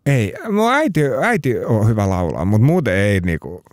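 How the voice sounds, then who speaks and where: A man's voice: fairly low pitch, huge pitch swings, dry recording, clean studio sound. A Finnish man, a talk show guest, telling his story in a rambling casual way with many restarts. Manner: rambling, frequent restarts and fillers.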